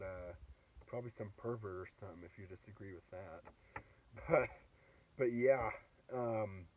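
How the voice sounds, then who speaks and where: A man in his twenties with a sore throat from a cold, rambling through a casual vlog from inside his car, full of fillers and restarts. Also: mid-range voice. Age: 20s. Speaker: vlogger. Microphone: phone. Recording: dull, distant phone audio in a car.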